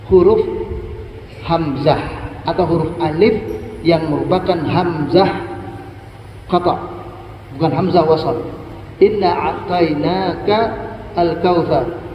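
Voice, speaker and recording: High-voiced man teaching Quran recitation in an echoey hall. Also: mellow, a little hiss or hum. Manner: explains patiently, chants verses slowly to demonstrate. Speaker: religious teacher. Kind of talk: morning study lecture on Quran recitation. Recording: echoey hall, distant lo-fi mic.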